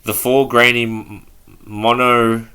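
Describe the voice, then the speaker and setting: A man's voice: mid-range voice, level tone, measured pace, sharp tone, smooth. A man hosting a podcast in a casual, offhand way, reading aloud from notes and stumbling over words as he goes. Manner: offhand and loose. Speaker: podcast host.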